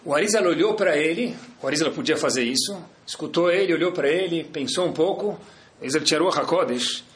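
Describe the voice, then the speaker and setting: A man teaching a Torah lesson, telling a story in an animated way and speaking directly to his listeners. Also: a little high, fairly quick. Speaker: rabbi teacher. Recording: echoey room.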